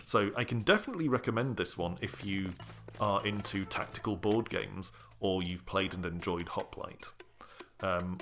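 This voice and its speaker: Low-voiced man reviewing indie games. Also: a bit bright. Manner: measured, explanatory, with frequent ums. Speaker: game reviewer. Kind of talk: casual game review narration.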